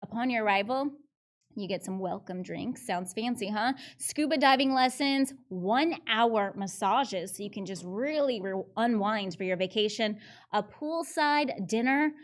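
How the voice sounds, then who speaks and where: A woman's voice: mid-range voice, measured pace. A woman co-hosting a charity event, describing auction prizes in an upbeat, chatty way. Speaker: event co-host. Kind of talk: presenting auction items.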